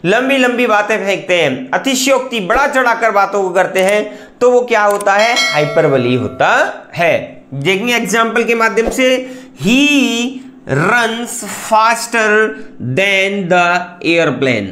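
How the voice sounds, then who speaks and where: High-voiced man teaching in an echoey room. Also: lively intonation, takes it slowly, bright, forceful tone, slight background noise. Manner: chatty, repeats and rhetorical questions to the viewers. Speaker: English teacher hosting an online class. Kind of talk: explaining lesson.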